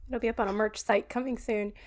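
A woman's voice: on the high side, steady tone, fast. A woman co-hosting a casual chat podcast with her brother, rambling and hunting for words with lots of ums. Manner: laughs often. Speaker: podcast co-host.

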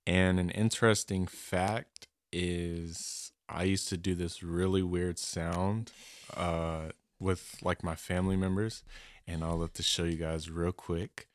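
A man's voice: low voice, flat delivery, slow pace. A man in his twenties from Colorado, chatting upbeat and a little rambling as a podcast guest. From Colorado, United States. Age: 20s. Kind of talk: casual podcast interview.

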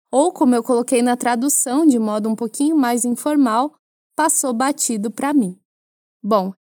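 Brazilian female language teacher, bright high register, dead-dry studio read, clear and patient. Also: no echo. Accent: Brazilian Portuguese. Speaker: French teacher. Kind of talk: language lesson for Portuguese speakers.

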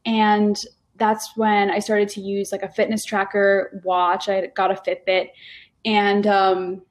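This woman, a guest in her early twenties from Rhode Island, speaks slowly in a level, medium-pitched voice. Her casual interview chat rambles, with frequent fillers and restarts as she tells her story.

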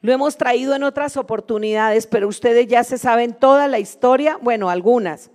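A woman's voice: a little high, moderate pace, a little mellow. A middle-aged woman, preaching a sermon as she tells a story, acting out the dialogue and building to fervent exclamations. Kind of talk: sermon testimony.

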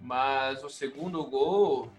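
A man's voice: medium pitch, takes it slowly. A man with a Brazilian accent giving colloquial, opinionated commentary in a casual sports discussion. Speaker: sports podcast panelist. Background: background music.

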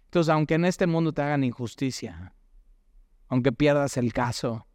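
Conversational pastor preaching a sermon. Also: male voice, medium pitch, normal speed, darkish tone, no echo, clean studio sound. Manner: conversational preaching with rhetorical questions.

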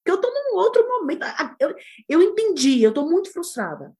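A woman with a Brazilian Portuguese accent, speaking as a guest in an animated conversational way, expressive and laughing often, with quick bursts of emphasis. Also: extremely high pitch. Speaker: guest speaking on nonviolent communication.

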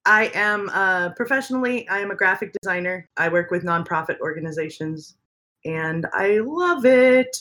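Woman, 40s, bright voice, easy family podcast host who laughs a lot. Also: mid-range voice, moderate pace, poor audio. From United States. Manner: laughs often, relaxed and chatty. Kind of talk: casual family chat.

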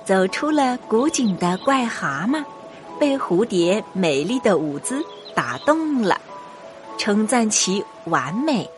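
Lively, unhurried woman storyteller. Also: medium pitch. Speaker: children's storyteller. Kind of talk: scripted children's story narration. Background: music.

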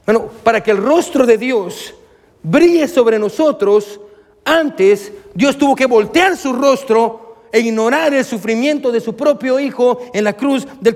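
A man delivers an emphatic sermon, calling out to his congregation as he preaches. His voice sits very high for a man. A long church-hall reverb trails after his words. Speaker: pastor.

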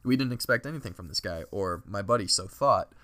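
A man's voice: on the low side, animated, fairly quick, bright, forceful tone. A young man from Ontario, Canada, telling rambling party stories with lots of filler words, swearing and laughter. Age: young adult. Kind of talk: casual storytelling.

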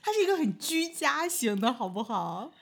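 High, husky woman podcast cohost. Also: big pitch swings, moderate pace. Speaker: podcast co-host. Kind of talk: casual chat.

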